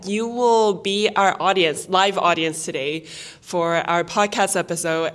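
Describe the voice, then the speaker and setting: A woman co-host speaks to a classroom audience with many pauses and "um"s. Her voice sits on the low side. She talks unscripted and loose. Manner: hesitant, many "um"s. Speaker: podcast co-host. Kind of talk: unscripted talk to a live audience.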